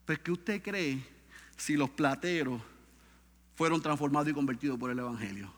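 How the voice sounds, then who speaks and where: A man preaching a sermon with great drama, dropping low and quiet and then rising to loud, high cries. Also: normal speed, big-room sound. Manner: swings from hushed to shouting, dramatic.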